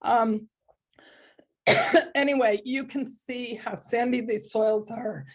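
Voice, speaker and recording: A woman giving a presentation on a park's design, hoarse and coughing, speaking deliberately with frequent pauses. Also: fairly high pitch, steady tone. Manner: slow and deliberate, with many ums. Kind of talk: online presentation.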